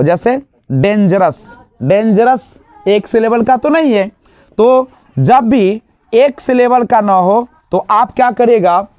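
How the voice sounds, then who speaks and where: High-voiced male grammar teacher. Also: darkish tone, no room sound. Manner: asks the class questions and answers them himself; draws out example words slowly. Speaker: English teacher. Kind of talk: exam-prep grammar lesson. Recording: dull, lo-fi dry sound.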